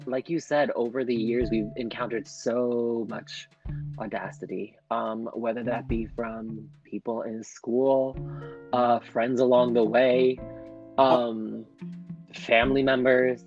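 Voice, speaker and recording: Podcast co-host, man, mid pitch, sassy and expressive, dull lo-fi sound with music behind. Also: slow. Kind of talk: casual chat.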